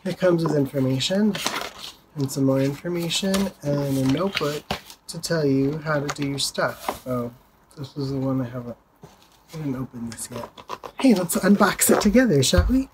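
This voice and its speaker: A vlogger talks casually to the camera from home, rambling a little while holding items up to show them. The voice sits at a middle pitch. A faint hiss of room noise stays in the background. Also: moderate pace. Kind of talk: casual video update. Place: home, indoors.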